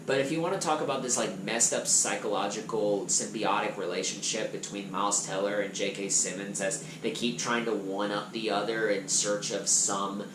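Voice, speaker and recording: A man chatting casually and enthusiastically as he reviews movies from his collection on a vlog, his loudness swinging up and down. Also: lowish voice, fairly even intonation, normal speed, few pauses. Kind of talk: casual chat. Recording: echoey room with background noise.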